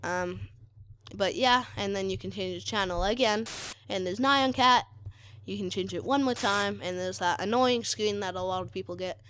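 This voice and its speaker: A woman's voice: medium pitch, moderate pace, fairly bright tone, a little hiss or hum. A woman giving casual commentary while showing a game mod, hesitant and chatty, full of fillers and frequent self-corrections. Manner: hesitant, many fillers, corrects herself often; chatty and easily sidetracked.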